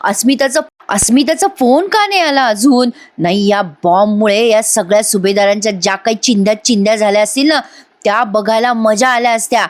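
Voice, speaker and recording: A woman's voice: fairly high pitch, fairly quick, lightly acted. A woman reading a smug scheming young woman. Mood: gloating. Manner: gloating, smug.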